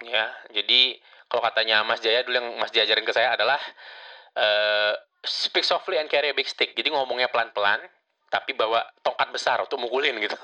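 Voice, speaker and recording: A man's voice: mid-range voice, bright, forceful tone. A middle-aged man hosting a casual solo podcast, talking conversationally with lots of tag words and fillers. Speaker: podcast host. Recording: slightly distant, dull lo-fi mic.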